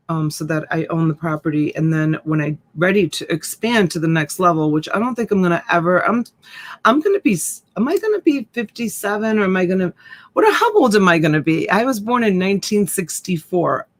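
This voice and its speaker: A woman in her fifties hosting a casual live stream, rambling and chatting with viewers as she reads their comments. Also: fairly low pitch. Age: 50s. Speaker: live-stream reseller host. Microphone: USB desk mic.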